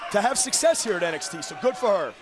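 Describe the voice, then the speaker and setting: A man's voice: high-pitched, animated, quick pace. A man giving opinionated, emphatic color analysis as a wrestling commentator. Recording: loud crowd and arena noise. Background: noisy arena crowd.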